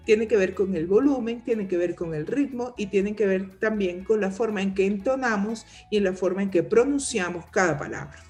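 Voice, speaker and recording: A woman's voice: mid-range voice, darkish tone. A woman trainer giving an informal lecture on leadership communication, explaining points and checking in with the audience with frequent questions.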